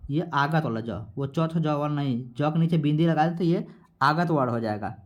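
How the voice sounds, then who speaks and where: Male tutor, slightly high voice, exam-prep lesson, repeats and quizzes himself. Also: muffled recording. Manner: repetitive, quizzing, asks and answers himself; sounds out letters slowly. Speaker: teacher.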